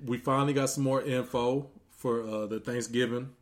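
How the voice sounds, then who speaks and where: A man's voice: mid-range voice, fairly even intonation, moderate pace. A man hosting a casual comedy podcast, talking in a loose, easygoing way with lots of fillers. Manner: laid-back, loose, with frequent "uh" fillers. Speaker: podcast host.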